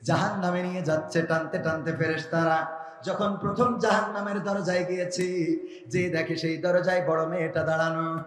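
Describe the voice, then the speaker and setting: A man preaching an Islamic sermon at an outdoor gathering, swinging between high shouted chant and low intimate speech. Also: little pitch movement, normal speed, echoey room, in a large hall. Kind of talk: rhythmic shouted waz sermon.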